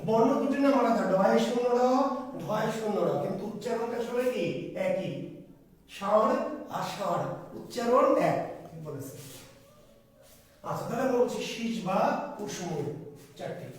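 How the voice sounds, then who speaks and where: A man's voice: sits high, animated, moderate pace, long pauses. A man teaching a grammar lesson to a class, asking questions and answering them himself. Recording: echoey room from far off.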